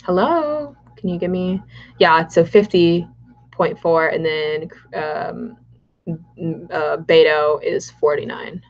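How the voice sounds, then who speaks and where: A woman's voice: sits low, slow pace. A young woman with a Valley girl accent, chatting casually on a livestream and answering viewer questions with lots of fillers and restarts. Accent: Californian. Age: young adult. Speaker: livestream host. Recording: dull, lo-fi livestream audio.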